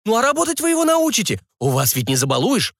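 A man putting on a shrill fawning market barker. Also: wildly swooping pitch, fast talker, a bit bright, no room sound, studio quality, full character voice. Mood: wheedling. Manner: wheedling, shrill and pushy. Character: skinny fawning male slave-market barker. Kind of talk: audiobook character voice.

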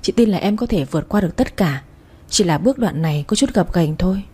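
A woman voicing a caring older woman friend in a storybook reading, speaking in a gentle, soothing way. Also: mid-range voice, animated, fast talker, breathy edge.

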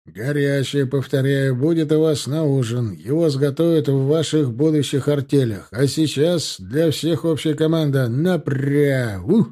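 A man voicing an officer who shouts clipped drill commands at new recruits in a storybook reading. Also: mid-range voice, measured pace, lightly acted. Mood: commanding.

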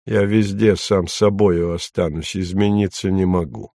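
A man's voice: low voice, steady tone, unhurried, dark tone, dry recording, clean studio sound, pitched below the performer's own voice. A man voicing a coarse, scornful, threatening grown man who mocks his listener. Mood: mocking. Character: menacing adult man, coarse, scornful villain.

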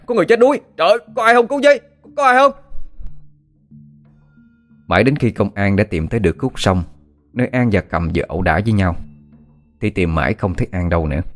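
Male storyteller, low voice, steady ghost story narration, faint music underneath.

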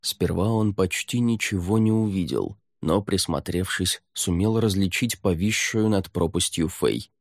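A man reading fantasy narration in a steady, measured way, close to the mic. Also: sits low, no echo. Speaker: audiobook narrator. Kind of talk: scripted narration.

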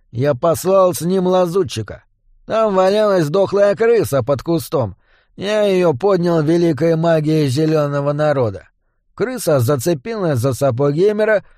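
A cocky little goblin sorcerer with a raised, fairly high voice, boastful and mocking, full of slang, as a male storyteller puts him on. The sound is dry and close. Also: darkish tone, dry recording.

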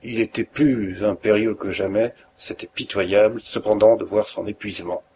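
Low-voiced man narrating a story. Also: fairly even intonation, darkish tone, a little hiss or hum. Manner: measured storytelling reader. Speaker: audiobook narrator. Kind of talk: scripted narration of a detective story.

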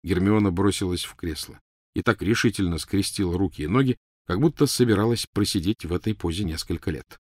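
A man narrating a storybook in an expressive reading. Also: low voice, fairly quick, slightly rough, no room sound, studio quality. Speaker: reader. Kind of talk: audiobook narration.

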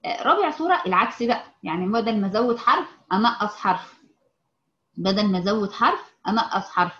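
A woman's voice: medium pitch, lively intonation, fairly bright tone. Egyptian woman teaching recitation, echoey. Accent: Egyptian Arabic. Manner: patient, asks students to respond, repeats key points; slows down to recite example verses. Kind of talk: informal recorded lesson. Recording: echoey, muffled audio.

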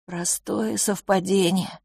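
Woman voicing cool-headed boy, twin brother, quiet, measured, skeptical, soft low level, dry close sound. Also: fairly even intonation, vocal fry, husky, no echo, exaggerated voice. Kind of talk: audiobook character voice.

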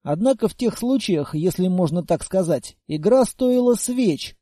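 A man narrating a first-person audiobook in a steady, even-paced reading. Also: sits high, unhurried, dry recording, clean studio sound.

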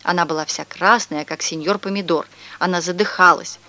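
A woman narrating a children's story for an audiobook in a lively, expressive way. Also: lowish voice, brisk.

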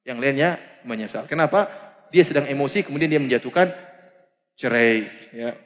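A man preaching, lively and humorous, often asking the audience questions. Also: mid-range voice, normal speed. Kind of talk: Islamic lecture. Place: mosque lecture hall. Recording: muffled lecture recording in a reverberant hall.

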